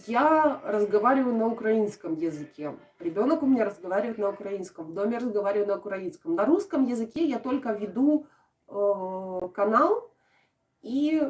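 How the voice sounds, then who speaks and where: At a measured pace, an expressive, medium-pitched woman from Odesa chats casually on a craft live stream, responding to comments from her viewers. Her Russian has a southern Ukrainian accent with soft g sounds and "sho," and she's warm and chatty, with many laughs and fillers. A distant mic gives the recording a roomy quality.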